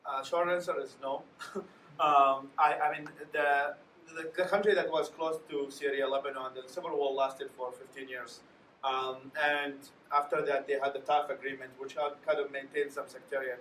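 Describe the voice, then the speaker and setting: A man's voice: medium pitch, level tone, moderate pace, a bit bright. A man from Iraq, answering as a panelist in an earnest, winding way with many restarts. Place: lecture hall. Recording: echoey hall, distant mic, faint hiss.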